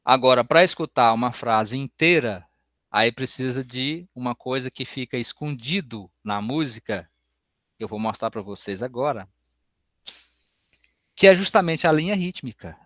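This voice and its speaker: A man giving an open music class, explaining slowly and breaking into sung solfège syllables. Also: mid-range voice, expressive, a bit bright, dry recording. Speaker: music teacher. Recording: dull, lo-fi sound.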